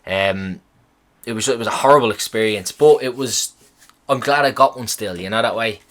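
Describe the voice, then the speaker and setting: On his podcast, a young man recounts a hospital visit casually and animatedly, cursing freely and voicing the people involved. His voice sits on the low side at a normal speed.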